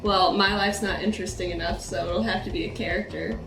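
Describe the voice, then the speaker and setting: A woman's voice: medium pitch, fairly even intonation, brisk, creaky. A woman co-hosting with casual comic storytelling, giggly and self-deprecating. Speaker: co-host. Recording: roomy echo with music.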